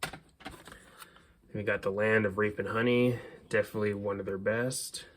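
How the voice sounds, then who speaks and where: A lowish-voiced man keeps a level tone at normal speed, with slight background noise present. He's presenting his music collection casually, talking like an opinionated fan.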